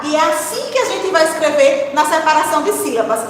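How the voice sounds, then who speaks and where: A woman's voice: high-pitched, expressive. Woman, teacher, patient syllable-by-syllable lesson for children; long hall reverb, faint noise behind. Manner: slow, spelling out syllables to children; encouraging, asks the class questions. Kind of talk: primary-school literacy lesson. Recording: echoey room with long reverb.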